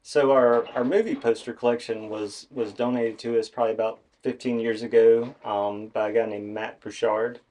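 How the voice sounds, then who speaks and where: A man's voice: mid-range voice, fairly even intonation, moderate pace, few pauses, darkish tone. A middle-aged man, a museum director and professor, explaining his work informally in an interview.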